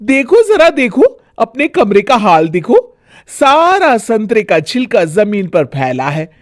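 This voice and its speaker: A woman voicing a fussy, bossy young wife who nags everyone in a shrill, scolding way. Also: wildly swooping pitch, slow pace, dry recording, studio quality, exaggerated voice. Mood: preening, bossy.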